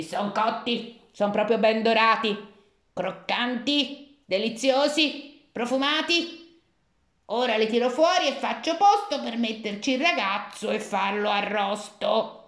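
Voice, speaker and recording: A woman's voice: mid-range voice, lightly acted. A woman voicing a greedy old witch who gloats over the child she means to cook, in a menacing, relishing manner, in an echoey room.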